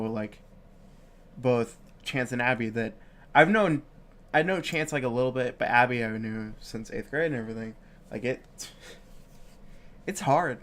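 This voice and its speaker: A young man co-hosts a podcast from a home studio as it's live-streamed, rambling in casual chat with plenty of fillers and swearing while sniffling from a cold. His voice is medium in pitch and a bit bright.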